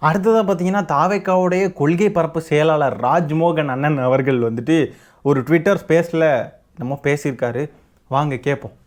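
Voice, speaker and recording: A man's voice: a little high, normal speed. A man hosting his own channel, giving opinionated political commentary full of rhetorical questions and mockery. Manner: mocking, argumentative, rhetorical questions.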